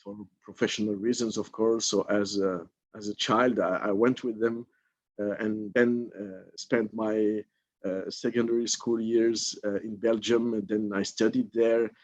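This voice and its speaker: Fairly low in pitch with little pitch movement, this darkish male voice runs a little slow. A former member of parliament from Morocco, he speaks thoughtfully at a mentorship forum, hesitating on many fillers, captured in slightly dull lo-fi audio.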